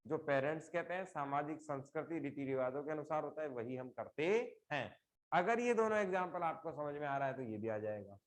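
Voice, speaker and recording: A middle-aged man teaching a live online class, explaining slowly with repeated examples and putting questions to his students. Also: a little high, lively intonation.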